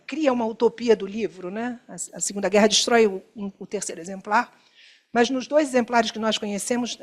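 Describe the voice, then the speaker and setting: In a lecture room, a woman with a Brazilian Portuguese accent and a mid-range voice gives an academic workshop talk. She wanders discursively through many fillers and self-corrections, checks in with listeners by asking "né?", and slows down to stress key terms.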